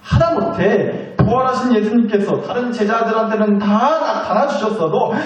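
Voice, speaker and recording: A male pastor preaching in an animated storytelling style, acting out voices, recorded in a large church sanctuary from a distance. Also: sits high, normal speed. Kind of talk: sermon. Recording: very echoey hall, distant muffled mic.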